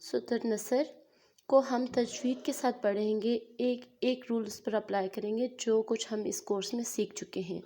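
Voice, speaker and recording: Soft-toned woman teaching slow Quran recitation. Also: on the high side, fairly even intonation. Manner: slow, drawn-out recitation between patient explanations; asks and answers her own questions. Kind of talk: step-by-step tajweed lesson.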